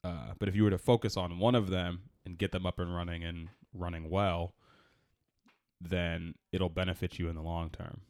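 A man co-hosting a podcast in casual chat, animated and quick to laugh, pitch jumping up when he gets excited. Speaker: podcast co-host. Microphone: headphones and studio mic.

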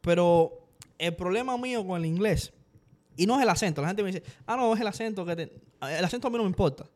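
A man in casual podcast conversation, talking fast with a slightly high voice. He keeps switching into English words mid-sentence in an energetic, chatty way. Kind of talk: casual chat.

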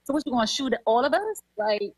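A woman's voice: on the high side, sing-song, fast, slightly rough, no echo, low-quality recording. A woman calling into a podcast through a phone app. She is blunt and speaks her mind firmly in casual chat. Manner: blunt, talks things down firmly. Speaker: call-in guest. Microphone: phone app call.

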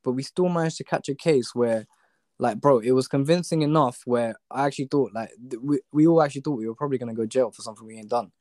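A man's voice: medium pitch, fast talker, darkish tone, dry recording. A young man with a London roadman accent chatting casually and telling personal stories in slangy street talk full of tag questions. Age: young adult. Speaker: podcast guest.

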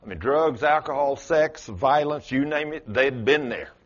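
Older male pastor, late sixties, mid-pitched, folksy sermon with loud call-outs, muffled lo-fi recording. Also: measured pace. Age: 60s. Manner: folksy preaching, quizzes the congregation, rises to loud exclamations.

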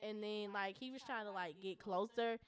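A woman in her twenties co-hosting a casual podcast. She tells stories candidly and profanely, leaning on fillers as she talks. Her voice sits at a middling pitch. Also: normal speed. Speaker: podcast co-host. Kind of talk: casual chat.

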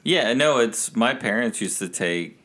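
A man's voice: mid-range voice, lively intonation, measured pace, a bit bright. A man co-hosting a podcast, talking casually, blunt and joking, swearing freely. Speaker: podcast co-host. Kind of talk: casual chat.

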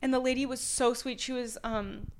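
A woman's voice: on the high side, steady tone, normal speed, a little hiss or hum. A woman co-hosting a podcast, chatting casually and telling a long story full of "like" fillers, often acting out what other people said. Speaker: podcast co-host. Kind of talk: casual chat.

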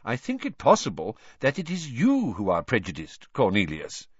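A man doing a calm old headmaster. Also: mid-range voice, breathy edge, no echo. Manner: calm, quiet, measured. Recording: dull, dry audiobook recording.

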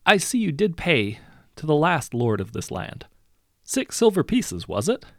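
A man's voice: fairly high pitch, huge pitch swings, unhurried, a bit bright, no echo, clean studio sound, pitched above the performer's own voice, full character voice. A man voicing a greedy hero turned lord who makes hollow, falsely sympathetic threats in a storybook. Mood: smug.

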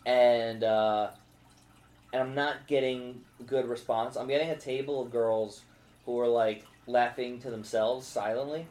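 A young stand-up comic talks loosely, piling up "like" and restarts as he winds through his story. His mid-pitched voice sits in a roomy space with noticeable echo. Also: fairly even intonation, a little slow, darkish tone. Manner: rambling storyteller, many fillers and self-interruptions. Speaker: stand-up comedian. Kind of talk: casual podcast chat.

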